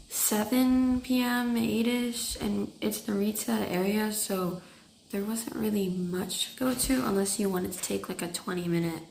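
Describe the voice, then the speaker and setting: A woman's voice: mid-range voice, vocal fry, a little mellow. A young woman from Canada with a groggy early-morning voice, narrating a travel vlog in a rambling, chatty way. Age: young adult. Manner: rambling, filler-heavy chatty explaining. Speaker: vlogger. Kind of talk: casual voice-over narration. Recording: roomy echo, faint noise.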